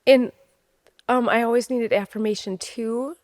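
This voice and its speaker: A woman co-hosting a podcast. She is emotional and close to tears, and she speaks haltingly with many pauses and "um"s. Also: a little high, steady tone, a little mellow, no echo. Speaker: podcast co-host. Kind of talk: podcast interview.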